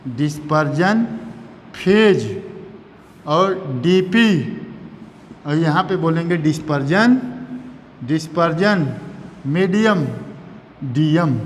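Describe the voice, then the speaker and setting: A man a high voice teaches a chemistry lesson, repeating each term and asking his students questions he then answers himself. His voice rings out a long reverb, and a faint hum of noise sits underneath. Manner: repetitive, asks and answers own questions. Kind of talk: classroom lecture.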